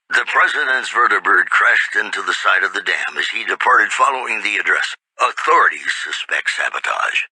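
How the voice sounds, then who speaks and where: A man's voice: on the low side, sharp tone, breathy edge, dry recording, heavily acted, rough recording. A man playing a suave, folksy radio newsman in a post-apocalyptic game, reading an old-time newscast with a wry, intimate showman's delivery. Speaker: radio news presenter.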